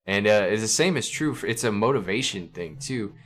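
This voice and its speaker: A man with a somewhat low voice talks through his thoughts in a relaxed, conversational way. He pauses often, restarts sentences and leans on fillers as he reflects. The sound is from a desk mic at a computer, run through a compressor. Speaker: channel host analyzing song lyrics. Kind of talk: casual spoken commentary. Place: indoors at a computer.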